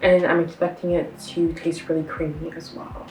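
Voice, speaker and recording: A young woman from Canada talks through a casual food-tasting vlog, chatty and excited, full of fillers and slang. Her voice sits a little low. She is set back from the mic in a roomy, echoey space with faint noise behind. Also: normal speed. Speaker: vlogger. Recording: roomy sound, a bit far from the mic.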